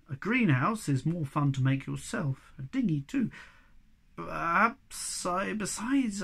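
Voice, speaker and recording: A reader voicing Moomin Papa, a musing father troll in a storybook, speaking a little low and hesitantly. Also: vocal fry, a bit bright, slightly rough, exaggerated voice.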